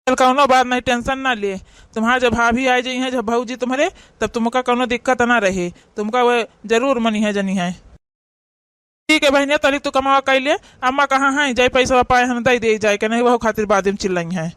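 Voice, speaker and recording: A woman voicing a young, kind village brother in an Awadhi cartoon, speaking calmly and reassuringly with an Awadhi accent. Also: a little high, fairly quick, smooth, dry recording, natural voice. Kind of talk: cartoon voice acting.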